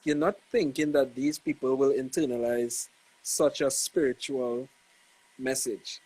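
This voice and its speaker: Unhurried and fairly even in intonation, a young Trinidadian gospel artist talks in a mid-range, a little mellow, slightly rough voice over a rough recording. He's from Trinidad and Tobago and is relaxed and reflective in this live-streamed interview, slangy and repeating "you know."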